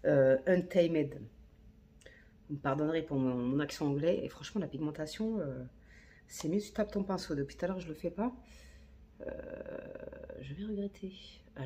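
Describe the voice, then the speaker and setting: Beauty vlogger, woman, casual and slangy, thinks aloud, voice with some vocal fry; phone-recorded. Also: deep voice, warm tone, slight background noise. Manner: chatty, slangy, talks to herself. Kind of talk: casual makeup tutorial chat. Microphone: phone camera.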